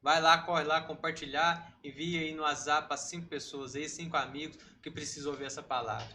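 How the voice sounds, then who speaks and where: Casting: bright, sharp-toned male co-host, lively, pushing viewers to share. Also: a little high, brisk, slight background noise. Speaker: podcast co-host. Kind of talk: casual live-stream chat.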